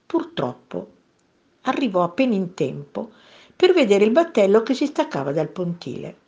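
A woman narrating a children's story in a playful, expressive way. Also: mid-range voice, normal speed, highs cut off.

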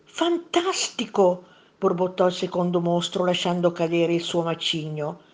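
A woman reading a picture book aloud to children, expressive and unhurried. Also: lowish voice. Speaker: storyteller for children.

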